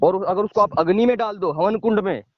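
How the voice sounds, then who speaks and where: This high-voiced man speaks briskly on a phone call, explaining matters informally and hammering points home with repetition and short check-in tags. He's from a village in India, and the lo-fi, dull recording has no echo.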